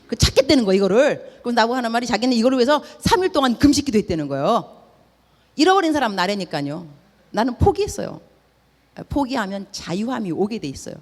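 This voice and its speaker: A woman missionary with a voice on the high side preaches quickly in a large hall, telling stories as her sermon. Lively throughout, she acts out dialogue and drops in English words.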